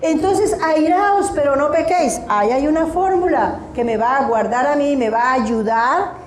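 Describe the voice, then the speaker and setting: Woman preacher, high voice, emphatic sermon, roomy hall sound. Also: moderate pace, slight background noise. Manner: emphatic, asks the congregation questions. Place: church hall.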